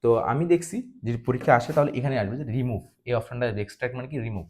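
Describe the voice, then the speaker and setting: A man leads a vocabulary lesson in a mellow, relaxed voice. He keeps asking questions and answering them himself, repeating key words over and over. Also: mid-range voice, rapid-fire. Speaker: vocabulary teacher. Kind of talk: online class lecture.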